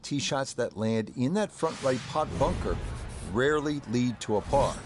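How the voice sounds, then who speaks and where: A man playing a composed golf commentator in a video game, measured and informative in his delivery. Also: medium pitch, music in the background, lightly acted. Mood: composed, approving.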